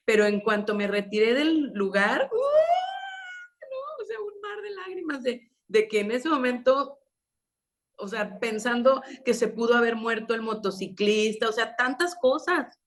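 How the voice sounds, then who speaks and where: A woman with a Mexican accent preaching a sermon at a women's meeting, telling a story in a conversational way with many rhetorical questions. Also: mid-range voice.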